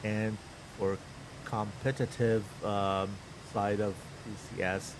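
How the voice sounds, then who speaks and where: Slow and fairly low-pitched, with little pitch movement, a middle-aged man from Iran commentates a live flight-sim tournament from home amid background noise. Persian is his first language, and as a stream commentator he thinks aloud in an unhurried way.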